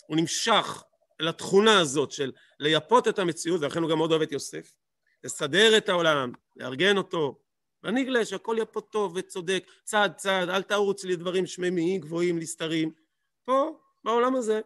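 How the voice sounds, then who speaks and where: A man's voice: high-pitched, lively intonation, a bit bright, dry recording, clean studio sound. A man teaching a Torah lesson, emphatic, asking rhetorical questions and repeating words for stress.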